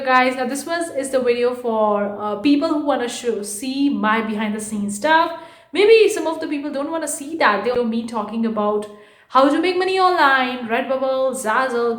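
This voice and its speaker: A woman's voice: high voice, reverberant. A woman talking to her viewers in a casual vlog from her bedroom, chatty and rambling, often saying "guys". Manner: says she speaks too fast. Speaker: art vlogger and online entrepreneur.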